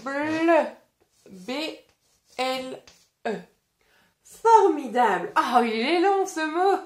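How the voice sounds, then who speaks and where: Slow, animated French teacher woman. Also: sits high. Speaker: teacher reading to children. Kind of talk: interactive storybook reading and phonics lesson. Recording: roomy echo.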